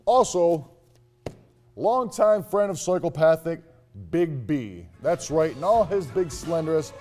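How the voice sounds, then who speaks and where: A man's voice: on the high side, expressive, takes it slowly, darkish tone, soft background music. A man co-hosting a comedic festival infomercial, announcing acts in a mock-dramatic, repetitive and profane way.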